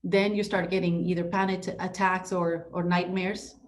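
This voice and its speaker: A middle-aged real estate broker from Ecuador appears as a guest on a conversational podcast interview, her lowish voice delivered flatly at a normal speed. Even so, she comes across as passionate and emphatic, constantly restarting and saying "you know."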